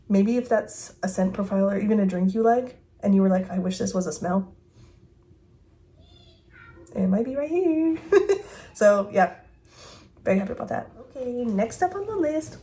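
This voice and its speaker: A woman's voice: mid-range voice, dark tone. A woman in her thirties chatting casually at home as she reviews fragrances, thinking aloud with giggles and a phone mic. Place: home bedroom with dresser.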